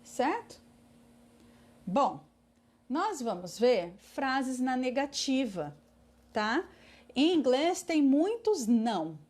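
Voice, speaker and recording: A woman teaching English in an online class, patiently explaining and repeating English words slowly for pronunciation. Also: sits high, big pitch swings, darkish tone.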